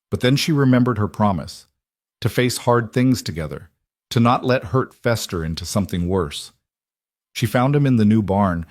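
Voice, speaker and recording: A man reading a western audiobook in a measured scripted narration. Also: on the low side, darkish tone, no echo, clean studio sound.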